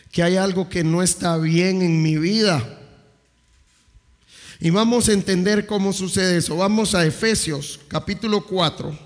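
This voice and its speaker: High-voiced preacher. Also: male voice. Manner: asks the congregation questions. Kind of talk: sermon. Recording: long hall reverb.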